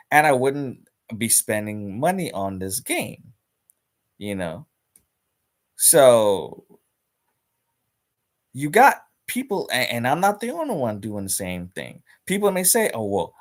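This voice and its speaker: Slow-talking man ranting on a gaming stream. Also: medium pitch. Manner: rambling, repeats words and restarts, emphatic. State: hiccups. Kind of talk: casual live-stream rant.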